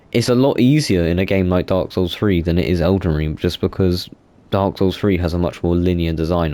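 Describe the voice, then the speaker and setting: A man's voice: deep voice, darkish tone. A young man, casually talking about video games in a rambling, self-correcting way with many fillers. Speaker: gaming YouTuber. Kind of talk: casual gaming monologue.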